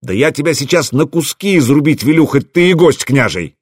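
A man voicing a proud, quick-tempered boyar commander in an audiobook, commanding and blustering. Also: on the high side, big pitch swings, breathy edge, no room sound, studio quality, pitched above the performer's own voice. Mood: furious. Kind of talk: audiobook character reading.

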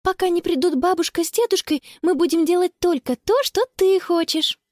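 A woman's voice: very high-pitched, sing-song, unhurried, no echo, studio quality, pitched above the performer's own voice, heavily acted. A woman voicing a frightened, bossy young girl who calls out urgently in a children's storybook. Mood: apologetic. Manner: pleading, urgent shouts.

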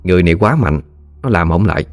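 Male storyteller, low voice, lively colloquial narration, dry audio over music. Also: quick pace, dry recording. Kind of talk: scripted ghost-story narration.

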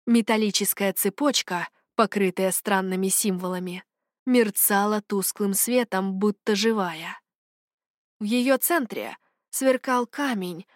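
A woman reads a first-person adventure tale aloud with expressive, dramatic delivery. Her voice sits at an ordinary middle pitch for a woman. The recording is dry, with no room sound. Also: dry recording. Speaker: audiobook narrator. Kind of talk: first-person fiction narration.

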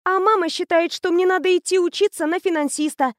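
A bubbly fifteen-year-old girl, as a woman reader puts her on, high and bright as she chatters fast with eager know-it-all excitement. The storybook voice is dry and close, with no room around it. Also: dry recording. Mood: tattling. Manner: rapid, gushing, breathless enthusiasm.

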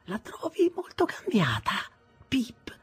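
A man voicing an imperious, gloating old jilted woman in a high, breathy, half-whispered, drawn-out voice. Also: wildly swooping pitch, faint music behind, heavily acted. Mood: mocking.

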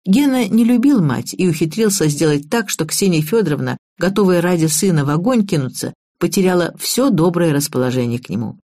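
A woman narrating a first-person audiobook in an even, matter-of-fact way. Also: on the low side, brisk, hardly any pauses, no echo, studio quality.

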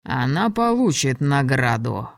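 Stern dragon lord, cold and clipped, read by a woman lowering her voice, dry studio tone. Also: animated, unhurried, dry recording. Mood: cold, angry. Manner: icy, clipped commands.

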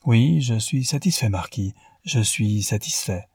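A man's voice: medium pitch, normal speed, dark tone, husky, no room sound, studio quality, close to an everyday voice. A man voicing a cheerful, straightforward American man in an audiobook, with a frank manner.

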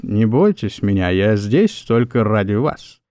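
Jumpy timid office girl, a guy doing her, squeaky, dry close sound. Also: big pitch swings, unhurried, warm tone, no room sound. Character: timid nervous young female secretary.

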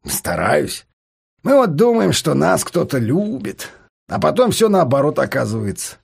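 A man voicing an easygoing male friend who talks in a low, laid-back, folksy way, with a husky voice. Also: huge pitch swings, measured pace, exaggerated voice. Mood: consoling. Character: easygoing adult male friend, plain-spoken.

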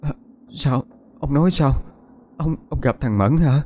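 A man voicing an older grieving mother with a worried, gently coaxing manner. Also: medium pitch, unhurried, slight background noise, pitched above the performer's own voice, lightly acted. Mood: startled.

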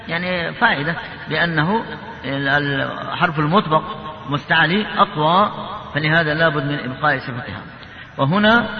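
A man teaching the rules of Quran recitation, explaining patiently and chanting example verses slowly. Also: on the high side. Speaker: tajwid teacher. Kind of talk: classroom lesson on Quran recitation. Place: mosque. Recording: echoey, dull, slightly noisy hall recording.

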